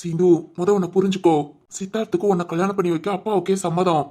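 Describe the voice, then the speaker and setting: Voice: medium pitch, steady tone, fast, warm tone, close to an everyday voice. A performer voicing a caring young man in a cartoon, a protective older brother who reassures and advises his sister. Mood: persuading. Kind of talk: cartoon voice acting.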